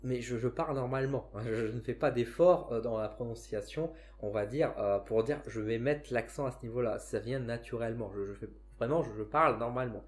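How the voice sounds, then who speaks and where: A man with a northern French accent talks casually to camera about spirituality. He sits at a middle pitch and thinks aloud, pausing and restarting his sentences as he goes. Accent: northern French (Ch'ti). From northern France. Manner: reflective, frequent hesitations and self-restarts. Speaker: psychic and spiritual vlogger.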